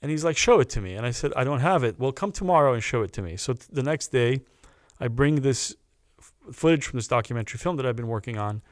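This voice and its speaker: A man, a guest on a podcast, telling a personal story in a casual, animated way, often stopping to restart a phrase. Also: medium pitch, quick pace, no echo, clean studio sound. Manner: animated anecdote teller with restarts.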